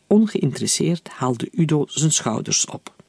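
Gravelly man narrating a novel. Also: fairly high pitch, a little slow, dry recording. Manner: steady, even-paced storytelling. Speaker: reader. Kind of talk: audiobook narration.

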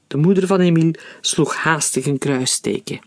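A man's voice: on the high side, moderate pace, no echo. Male storyteller with a dry sound. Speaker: narrator. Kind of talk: storybook reading.

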